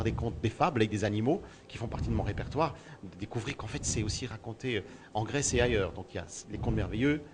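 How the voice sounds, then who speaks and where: Outdoors at a festival, amid a noisy background, a Belgian-born storyteller with a lowish voice answers interview questions thoughtfully. He often repeats words while searching for the next one.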